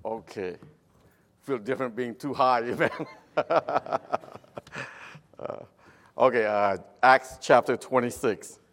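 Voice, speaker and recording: A man from Cambodia, a native Khmer speaker, preaching a church sermon in halting English with a Cambodian accent. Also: medium pitch, creaky, fairly bright tone. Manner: halting, with nonstandard English phrasing. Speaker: missionary guest preacher.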